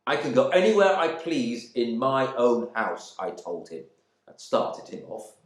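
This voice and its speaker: A male actor reads a dramatic monologue from a novel in an echoey room, playing a stuffy, indignant husband back from the war. Very animated at a measured pace, he brims with pompous, narrow-minded affront, his pitch swinging widely from muttering to outburst.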